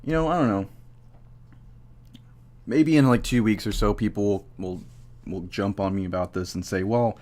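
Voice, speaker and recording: A tipsy young man giving a casual, rambling movie review, halting, swearing freely and losing his train of thought. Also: on the low side, fairly even intonation, a little mellow. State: drunk, tipsy. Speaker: amateur film reviewer.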